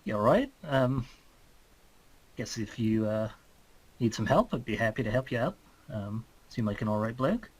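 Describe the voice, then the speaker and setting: Man playing laid-back Kiwi druid, lively pitch. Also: slightly rough, low-quality recording. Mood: laid-back, friendly. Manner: laid-back, halting, colloquial. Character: Marcus, easygoing, friendly male druid fond of animals. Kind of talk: improvised tabletop role-play.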